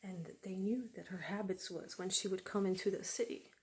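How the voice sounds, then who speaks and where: A woman telling a spooky Halloween story to her viewers, often dropping into a hushed, dramatic whisper. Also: medium pitch, fairly even intonation, a little fast. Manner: speaks warmly to the viewers as friends.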